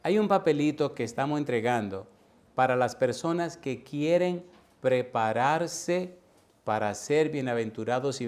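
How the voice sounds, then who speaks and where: Pastor preaching with animated storytelling. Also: male voice, medium pitch. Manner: animated storytelling, questioning the audience directly. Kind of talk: evangelistic sermon with altar call.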